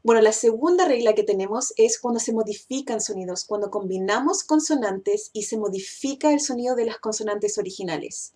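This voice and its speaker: A woman's voice: fairly high pitch, warm tone. A woman teaching English pronunciation in a casual, explanatory way, with frequent "eh" fillers as she thinks. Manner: slows down and stretches English example words.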